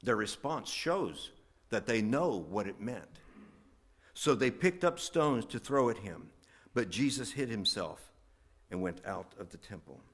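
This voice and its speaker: A man's voice: on the low side, sing-song, unhurried, breathy edge. A middle-aged man from West Virginia, a pastor preaching a sermon with emphatic swells on key lines.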